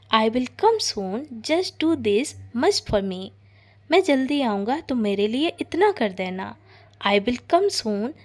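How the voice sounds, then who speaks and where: Woman teacher, higher voice, drills phrases very slowly and repeats each one. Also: darkish tone. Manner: deliberate, repeats each sentence twice. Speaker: English teacher. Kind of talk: slow bilingual phrase drill.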